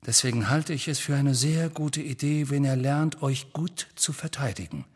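A man reading an audiobook, voicing a rebellious grown wizard who speaks in a low, earnest, conspiratorial manner. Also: normal speed, breathy edge, in a large hall, close to an everyday voice.

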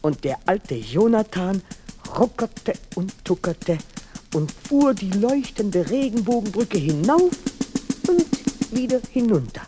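A man narrating a children's story in a slow, lilting, expressive way. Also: high voice, over music.

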